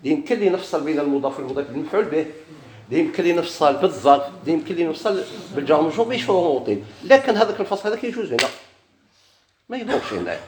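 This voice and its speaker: A man's voice: on the high side, expressive, rapid-fire, darkish tone. A man with a Moroccan Arabic accent teaching a grammar lesson in a classroom, putting questions to his students and then answering them himself. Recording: echoey room.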